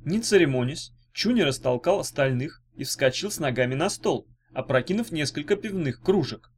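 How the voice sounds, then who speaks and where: A man narrating a children's fantasy audiobook with an expressive, animated reading. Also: on the high side, moderate pace. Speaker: audiobook reader. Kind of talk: storybook narration.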